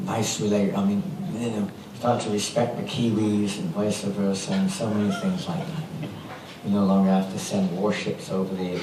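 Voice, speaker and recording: A man giving an informal spiritual class in a temple hall, talking in a conversational, rambling way with restarts and chuckles. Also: sits low. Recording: roomy hall audio from a distance, noisy.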